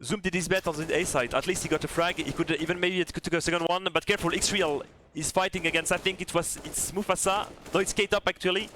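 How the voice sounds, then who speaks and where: Brief: higher-voiced male co-caster, easygoing, explains the teams' choices between plays. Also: steady tone, fast, few pauses, bright, forceful tone, a little hiss or hum. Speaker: esports co-caster. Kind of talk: esports color commentary.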